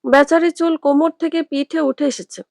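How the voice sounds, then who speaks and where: A woman's voice: high-pitched, steady tone, normal speed, vocal fry, a little mellow, no room sound, clean studio sound. A woman voicing a young woman who scolds her cousin in a reproachful tone.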